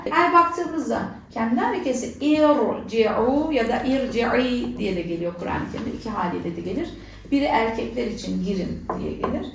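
A woman's voice: on the high side, a little hiss or hum. A woman teaching a Quran recitation lesson, explaining rules and then asking and answering her own questions. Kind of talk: tajweed lesson. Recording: echoey room, voice from far off.

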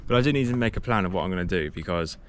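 Holding an action camera at arm's length on a sunny coastal path, a young adult cycle-touring vlogger rambles casually and corrects himself along the way. He speaks in a low, expressive, rapid-fire voice, with slight background noise.

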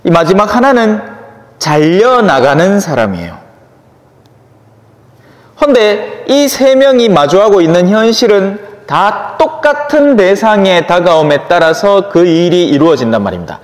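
Gyeongsang priest, homily, high lively voice, chatty, long church reverb. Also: male voice, measured pace. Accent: Gyeongsang Korean. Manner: conversational, chatty, asks listeners for agreement. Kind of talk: sermon.

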